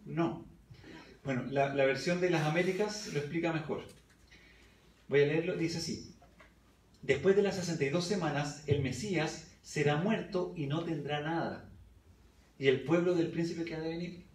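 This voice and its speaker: A man with a slightly high voice preaches a Bible study sermon in a church hall at normal speed, leaving long pauses. He reads scripture aloud and questions the congregation, captured in an echoey recording from a distance.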